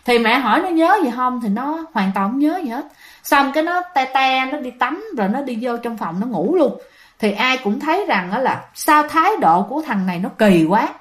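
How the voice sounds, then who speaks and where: A woman narrates ghost stories in a chatty, dramatic manner. Her voice sits high, and she keeps speaking straight to her listeners. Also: animated, moderate pace. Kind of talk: casual storytelling to listeners.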